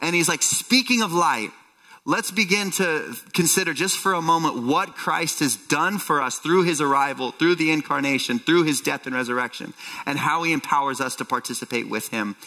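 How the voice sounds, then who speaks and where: Bright-voiced male pastor at a pulpit microphone. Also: on the high side, moderate pace. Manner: earnest teaching, often quoting scripture. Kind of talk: sermon. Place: church sanctuary with long reverb. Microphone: speaking at a pulpit microphone. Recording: long hall reverb, faint music.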